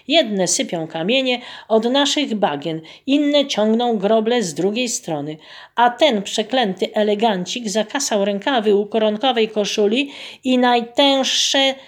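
Storybook peasant, scared and complaining, voice pushed higher; a woman reads him. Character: frightened, rash village peasant man, middle-aged.

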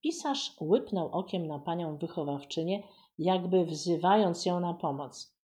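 A woman reading a story aloud to children in a gentle, teacherly manner. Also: on the low side, expressive, unhurried.

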